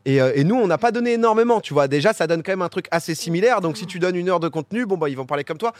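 Male host, fast casual talker, slightly high voice, dry studio mic. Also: animated, no echo. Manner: quick, chatty, frequent restarts. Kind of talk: casual panel chat.

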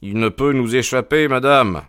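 A man's voice: lowish voice, measured pace, fairly bright tone, clean tone, dry recording, studio quality. A man reading as a cold, commanding detective. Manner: cold, clipped and authoritative. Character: cool, commanding male detective. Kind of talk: audiobook character reading.

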